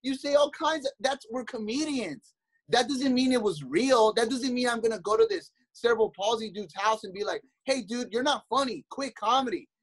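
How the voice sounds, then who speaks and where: A man's voice: very high-pitched, very animated, moderate pace, breathy edge, poor audio. A young adult man, a comedian guest, arguing heatedly and defensively on a podcast, rambling and cursing.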